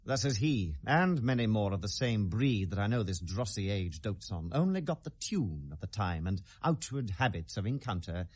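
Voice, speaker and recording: In a 1970s radio drama recording, a male actor with a British accent and a medium-pitched, slightly mellow voice plays a brooding, sardonic young prince in a classical play. His delivery is theatrical and deliberate.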